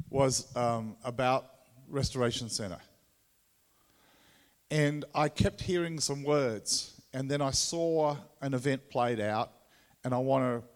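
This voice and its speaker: A man with a Tasmanian Australian accent gives an informal sermon as a visiting preacher, halting and conversational, often repeating his words. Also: mid-range voice. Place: large room or hall, speaking to a congregation. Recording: echoey hall with long reverb.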